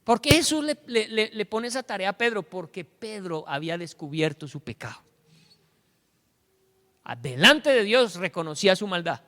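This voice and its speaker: A Colombian man preaching in a church. His voice sits high and sounds bright and forceful. It carries a long echo through the hall as he moves animatedly between teaching and acting out the people he quotes. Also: sing-song, moderate pace. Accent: Colombian Spanish. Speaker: pastor. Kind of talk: sermon. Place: church sanctuary.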